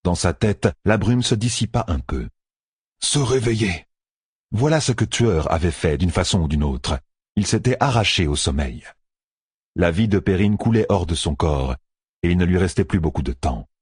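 A man reading a fantasy audiobook in a measured, expressive storytelling voice. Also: deep voice, husky, dry recording, studio quality. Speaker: audiobook narrator. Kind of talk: scripted fantasy audiobook narration.

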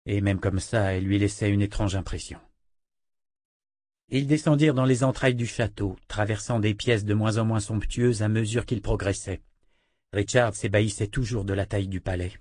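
A man narrating a fantasy audiobook in a measured, expressive reading. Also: on the low side, no room sound, studio quality.

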